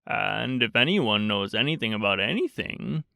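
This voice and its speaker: A man's voice: fairly low pitch, animated, normal speed, vocal fry, sharp tone, clean tone, dry recording, clean studio sound, exaggerated voice. A man voicing a kindly, simple storybook bear who speaks in an earnest, plain way. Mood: pondering, sure.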